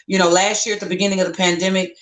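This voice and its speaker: A woman's voice: mid-range voice, little pitch movement. Folksy fifty-something woman in a roomy echo. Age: 50s. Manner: folksy, self-deprecating, drawn-out phrasing. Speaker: podcast co-host. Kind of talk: casual podcast chat.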